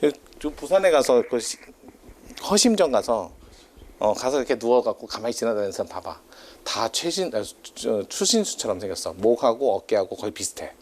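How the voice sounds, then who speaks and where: A male lecturer talking to a class in a loose, chatty way, his pitch swinging up and down. He drifts off on tangents, teases and laughs often. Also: big pitch swings, normal speed, a little mellow.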